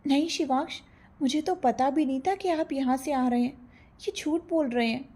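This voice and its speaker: A woman's voice: high voice, mellow, voice pushed up, natural voice. Woman voicing a cheeky young college girl. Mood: protesting. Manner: cheeky and quick to protest.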